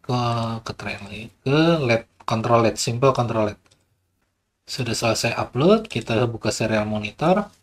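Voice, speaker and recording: A man hosting a casual hands-on electronics tutorial, talking in a relaxed, slangy way and repeating short test commands. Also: mid-range voice, moderate pace. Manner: addresses viewers as guys, upbeat sign-off.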